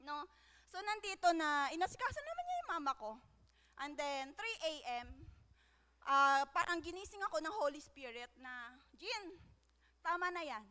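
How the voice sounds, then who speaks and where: A young woman with a very high, bright voice shares her personal testimony at church. She speaks haltingly, filling gaps with fillers and checking in with tag questions, and her words trail off into the long reverb of a large hall. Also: big pitch swings. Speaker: church member giving testimony.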